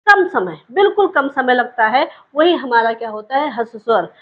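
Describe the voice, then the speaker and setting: A woman's voice: on the high side, lively intonation, normal speed, phone-quality sound. A woman teaching a grammar lesson, asking questions and answering them herself, repeating key points, and stretching vowel sounds to show them. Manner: drags out vowel sounds to demonstrate.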